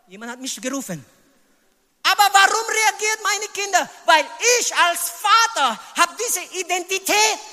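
A man in his fifties from the Philippines with a Filipino accent, preaching a sermon with emphatic, high exclamations. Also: pushed and bright, in a large hall. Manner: emphatic preaching, sudden high exclamations, sprinkles English phrases. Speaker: pastor.

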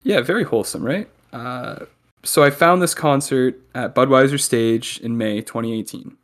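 Here a young podcast guest, connected over a call, tells stories and cracks jokes in easygoing conversation. He talks at a normal speed in a mid-range voice, chatty and playful throughout.

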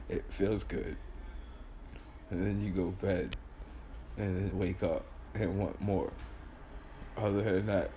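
A man's voice: sits low, warm tone. A man rambling through casual, sweary podcast banter in a loose, giggly way, tripping on mushrooms. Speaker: podcast host. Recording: clearly noisy background ambience.

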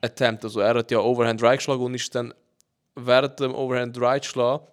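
A young man with a Swiss German accent co-hosting a casual chat, explaining things calmly with hesitant fillers. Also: medium pitch, quick pace. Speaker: co-host.

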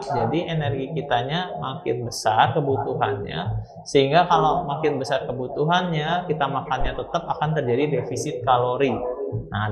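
A man's voice: medium pitch, highs cut off. A man giving informal, explanatory answers as a doctor, often ending phrases with small tags. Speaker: doctor answering audience questions. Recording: echoey online call with background chatter.

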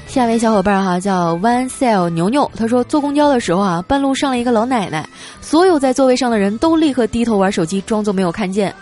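A woman's voice: a little high, lively intonation, fast, a little mellow. A woman hosting a radio-style show, reading listener jokes in a playful, teasing storytelling manner. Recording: music bed underneath.

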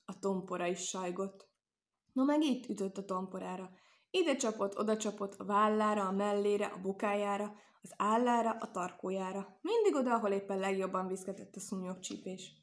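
A woman narrating a children's storybook with a lively, expressive delivery. Her voice sits at a middle pitch and changes for each character. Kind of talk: storybook reading.

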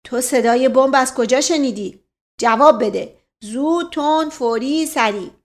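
A woman's voice: on the high side, natural voice. A woman voicing a bossy middle-aged male police officer who fires off impatient questions, in a storybook reading. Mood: barking.

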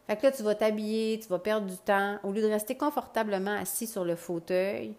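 A lively woman with a Quebec French accent, in a middle-of-the-road voice, talks straight to her listener in a motivational podcast monologue. She speaks with slang and tosses in English words as she coaches. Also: mid-range voice, a little fast. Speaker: life coach.

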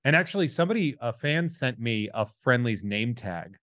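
A mid-pitched man hosts a laid-back podcast, rambling through jokes and listener shout-outs. He sounds dry and close to the mic, with no room around him. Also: animated, moderate pace, no echo. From New England. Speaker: podcast host. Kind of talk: casual chat.

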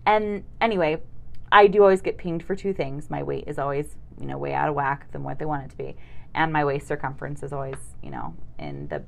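A woman's voice: low voice, lively intonation, fairly quick, creaky. A young adult woman co-hosting a podcast, talking candidly and with self-deprecation in casual chat, acting out the voices of people she quotes. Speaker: podcast co-host.

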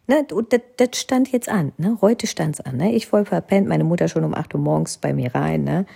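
A woman recounts her own wedding in a loose, rambling storytelling style, tagging her sentences with little questions. Her voice sits low and sounds dark and gravelly, with a husky grain. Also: moderate pace. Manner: rambling, constant tag question "ne?". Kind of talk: casual storytelling.

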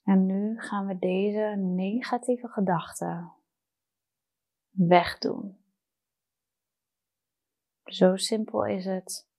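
A woman guiding a meditation in a soft, soothing, unhurried manner with long pauses. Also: mid-range voice, steady tone, low-quality recording. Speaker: meditation guide. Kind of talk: guided meditation.

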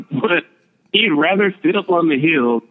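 A man's voice: a little high, animated, takes it slowly. A man hosting a casual Bible discussion podcast, retelling stories in a laid-back, explaining way. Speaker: podcast host. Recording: dull lo-fi recording.

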